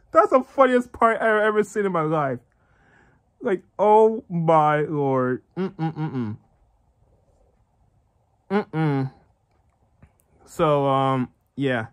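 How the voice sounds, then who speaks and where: Slow-talking stammering male game reactor. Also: fairly high pitch, lively intonation. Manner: stammering, repetitive, giggly. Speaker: gaming channel host. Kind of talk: casual reaction commentary.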